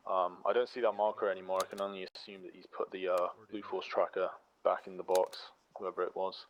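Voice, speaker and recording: A man's voice: deep voice, level tone, a little fast. A man acting as platoon leader, speaking over a walkie-talkie radio net in clipped military radio procedure with hesitant fillers. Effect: heard over a walkie-talkie radio. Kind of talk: clipped military radio talk in a squad game. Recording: dull, lo-fi radio channel.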